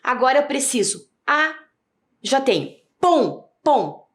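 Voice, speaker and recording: A Brazilian primary school teacher gives a video reading lesson to young children, stretching out syllables and asking sing-song questions. Her high-pitched voice is very animated but slow, with a Brazilian Portuguese accent.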